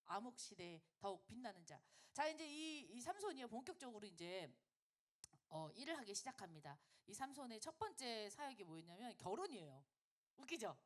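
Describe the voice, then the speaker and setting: A woman's voice: a little high, sing-song, a little fast. A woman preaching a sermon to a college group in a conversational style, asking her listeners many rhetorical questions.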